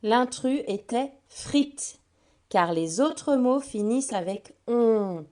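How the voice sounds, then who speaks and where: A woman giving a phonics lesson to a child, saying each word slowly and clearly and speaking to the listener directly. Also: fairly high pitch, lively intonation, dark tone. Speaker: teacher.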